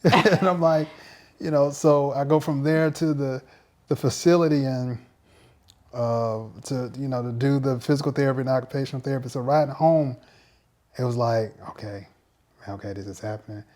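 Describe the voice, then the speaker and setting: A male pastor giving a personal faith testimony in a reflective, halting way, often repeating words as he searches for them. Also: mid-range voice, fairly even intonation, darkish tone.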